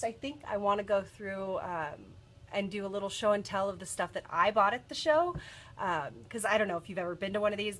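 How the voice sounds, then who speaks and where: The bead shop host, in her thirties, talks on a casual live stream with lots of ums and restarts, her nose a little stuffy from a cold. She has a medium pitch and a fairly bright tone, working indoors in a cluttered office.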